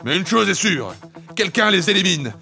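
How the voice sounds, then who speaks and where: A man voicing a grave little rodent military commander who gives urgent, solemn briefings in an animated parody. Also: high-pitched, moderate pace, creaky, soft background music, full character voice.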